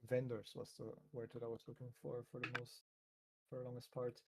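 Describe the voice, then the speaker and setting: A man hosting a modded game session, explaining the world in a halting way with many pauses and fillers. A faint hum sits behind his voice, and he laughs easily between thoughts. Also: mid-range voice, completely flat delivery, gravelly, warm tone. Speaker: game host and guide. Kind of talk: casual explanation.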